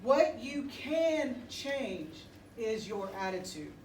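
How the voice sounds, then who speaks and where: A woman's voice: fairly high pitch, very animated, slow pace. A middle-aged woman giving a motivational speech to a team, speaking in emphatic, short, repeated phrases. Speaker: motivational pregame speaker to a high school football team. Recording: roomy echo, distant mic, faint noise.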